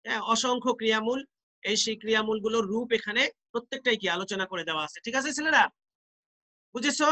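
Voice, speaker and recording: A male teacher with a Bangladeshi accent gives an online class, explaining slowly, repeating examples and asking rhetorical questions. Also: sits high, bright, forceful tone, poor audio.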